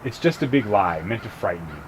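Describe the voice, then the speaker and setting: A man playing a smooth-talking devil salesman. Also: fairly low pitch, animated, fairly quick, a little hiss or hum, lightly acted. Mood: coaxing. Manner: persuasive, mocking. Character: smooth-talking male devil posing as a salesman, scornful of humanity. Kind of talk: short film acting. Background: music.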